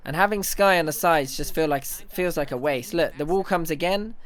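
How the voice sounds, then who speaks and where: Excitable streamer on a livestream headset mic. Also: male voice, fairly high pitch. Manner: rapid, excitable breakdown with frequent restarts. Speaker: streamer analyzing an esports match. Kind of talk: casual live analysis commentary.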